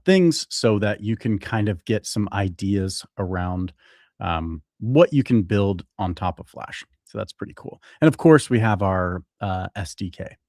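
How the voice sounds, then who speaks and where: A man's voice: fairly low pitch, darkish tone, dry recording, clean studio sound. A young man co-hosting a casual crypto show, talking loosely with many fillers and restarts. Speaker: co-host.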